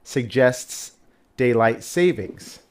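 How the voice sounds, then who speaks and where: A man's voice: mid-range voice, animated, takes it slowly. A man hosting a casual live stream who rambles through a jokey story. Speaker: host.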